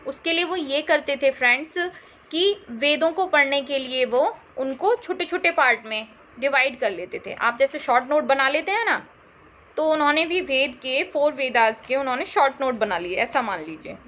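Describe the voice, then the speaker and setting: A woman with a high, bright voice teaches an exam-prep history lesson, speaking English. She repeats key terms and keeps quizzing her listeners with questions. The audio is a little dull, with faint noise underneath. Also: expressive, normal speed.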